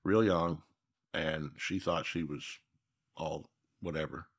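An older man from Minnesota, a guest telling a story in a casual, animated way, laughing as he goes. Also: extremely low pitch, takes it slowly, husky.

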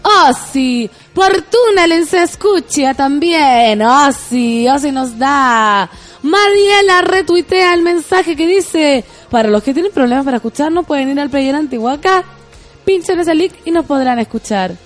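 Chilean woman, morning radio host, high bright voice, playful and jokey, music faint underneath. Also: animated, measured pace. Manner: playful, joking, rambling. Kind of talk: morning radio chat reading listener messages. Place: radio studio.

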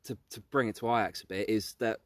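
A man's voice: on the low side, fairly even intonation, fast, no echo, clean studio sound. A British man co-hosting a casual football podcast, giving his opinions in a blokey way and often repeating words as he goes.

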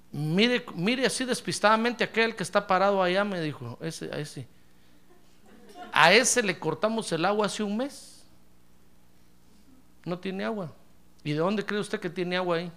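A middle-aged man preaching a sermon as pastor, telling stories and calling his listener brother, swinging from hushed asides to loud praise. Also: sits high, gravelly. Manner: animated storytelling, addresses listener as brother, swings from hushed to shouting. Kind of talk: sermon with anecdotes.

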